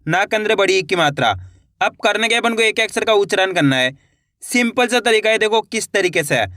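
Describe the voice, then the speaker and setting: A man teaching a reading lesson online, sounding out words slowly syllable by syllable. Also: sits high, expressive, bright, forceful tone, no room sound, studio quality. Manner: slow, drawn-out syllable-by-syllable pronunciation.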